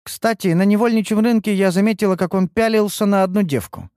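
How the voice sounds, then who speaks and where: A man voicing a scornful, sharp-tongued young woman companion in a fantasy audiobook, speaking dismissively. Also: sits high, brisk, no room sound, studio quality, pitched above the performer's own voice. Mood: mocking. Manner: snorting, dismissive.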